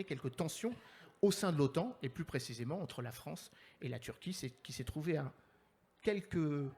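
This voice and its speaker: A man moderating a conference panel in French, formal and wordy, with measured phrasing and deliberate pauses. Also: mid-range voice, darkish tone.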